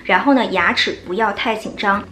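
A woman's voice: mid-range voice, fairly quick, sharp tone. Woman teaching English pronunciation, echoey room. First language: Chinese. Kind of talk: pronunciation lesson. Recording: echoey room with faint music.

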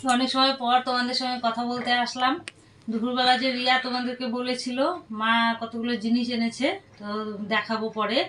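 A woman's voice: a little high, flat delivery, moderate pace, a bit bright, slight background noise. An older woman, chatting casually and homely in a family vlog. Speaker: vlogger.

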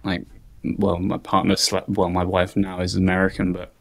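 A man with a British accent, a podcast guest, talking in a halting, monotone way in casual chat. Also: sits low, gravelly, no echo. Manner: self-described monotone, halting.

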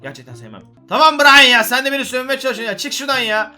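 A male gaming host gives casual gameplay commentary in a high, quick voice, excitable and joking as he talks to viewers. Faint background music plays behind him.

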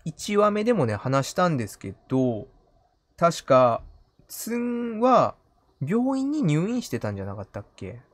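Animated male game streamer. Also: medium pitch, normal speed, dry recording. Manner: playful muttering to himself, repeating short phrases. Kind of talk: live gaming commentary, casual.

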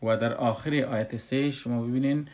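A man, a Quran recitation teacher who explains a lesson step by step and pauses often on drawn-out "uh" sounds. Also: mid-range voice, steady tone, a little mellow. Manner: unhurried, with frequent drawn-out "uh" pauses.

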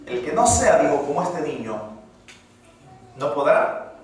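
A man preaching a sermon as pastor, calling out to the congregation, swinging from loud exclamations to hushed asides. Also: a little high, big pitch swings, measured pace. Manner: call-and-response preaching. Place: church hall. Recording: very echoey hall, from far off.

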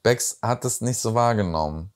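Speaking at a normal pace in a fairly low voice, a young man reacts to a reality show on his video channel. He keeps it chatty and teasing, often ending remarks with tag questions.

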